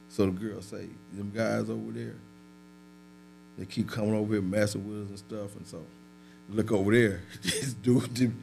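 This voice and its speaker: A man's voice: fairly low pitch, gravelly, poor audio. A man telling a rowdy story on a podcast, loose and profane, breaking into laughter. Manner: animated storyteller, laughs often, profane street slang. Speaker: podcast guest. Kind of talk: casual storytelling.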